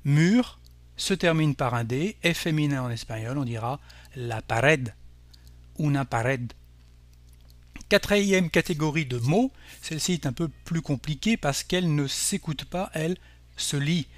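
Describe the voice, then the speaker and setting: A man teaching a language lesson, explaining rules slowly and carefully with example words. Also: on the high side, expressive, dry recording. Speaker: Spanish teacher. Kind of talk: scripted language lesson narration.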